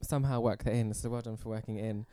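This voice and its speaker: A woman co-hosting a casual chat, playful and teasing with animated turns. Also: extremely low pitch, racing, dry recording, clean studio sound. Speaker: podcast co-host.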